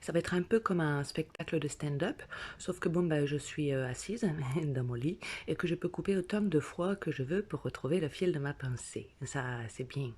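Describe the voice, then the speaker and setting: A woman doing a sit-down comedy monologue from her bed, telling an animated story with sudden cries, whispers and a playful put-on southern French accent. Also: low-pitched, normal speed, breathy edge. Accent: put-on mixed southern French. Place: in bed, indoors.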